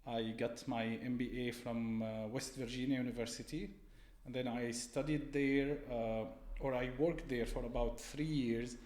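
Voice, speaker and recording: A man, speaking as a guest on an interview podcast in a polite, steady and methodical way. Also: medium pitch, unhurried. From Syria. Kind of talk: conversational interview. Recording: roomy echo.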